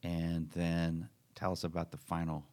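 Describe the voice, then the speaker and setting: A man's voice: low-pitched, monotone, unhurried, a little mellow. A man, a church pastor, chatting casually and encouraging listeners on a podcast. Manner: encouraging, conversational. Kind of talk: casual chat.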